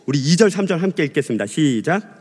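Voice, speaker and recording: A middle-aged man preaching a storytelling sermon as pastor, animated, acting out the voices of people in his stories and swinging between loud and hushed. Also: a little high, quick pace, husky. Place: large church sanctuary. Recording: long hall reverb.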